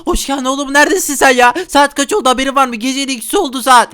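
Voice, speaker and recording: A man's voice: very high voice, very fast, bright, forceful tone. A man voicing a hot-tempered, easily scared father in a Minecraft role-play, frantic and talking to viewers. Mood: scolding. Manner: frantic, exclaiming, talks to viewers.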